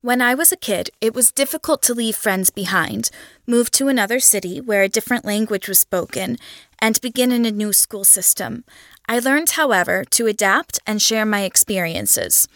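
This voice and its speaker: Woman reading scripted interview answers, calm and steady, very dry studio sound. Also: fairly high pitch, normal speed, no echo.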